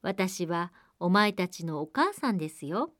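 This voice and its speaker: A woman's voice: lowish voice, sing-song, a little slow, a bit bright, no room sound, clean studio sound. A woman reading as a cunning wolf, falsely sweet. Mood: coaxing. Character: cunning hungry wolf faking a mother's voice.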